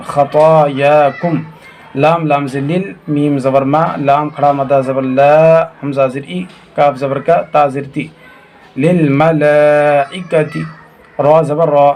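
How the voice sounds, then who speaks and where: A man teaching Quran reading in a recorded lesson, spelling out letters and vowel marks slowly, with quicker explanations in between. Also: fairly high pitch, darkish tone. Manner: slow, drawn-out recitation of syllables, then quick asides.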